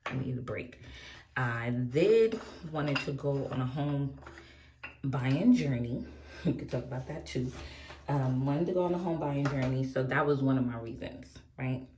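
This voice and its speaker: Speaking at a measured pace in a very deep, mellow voice, this beauty vlogger in her 40s chats frankly while putting on makeup, rambling and laughing often. It's a casual get-ready-with-me recording made in an echoey room, with slight background noise.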